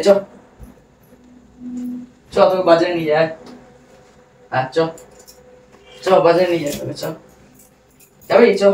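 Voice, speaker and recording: High-voiced man pleading, distant and echoey. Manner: coaxing, pleading, repeating questions. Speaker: husband being pranked. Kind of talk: casual home chat. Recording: roomy echo, distant mic, faint background noise.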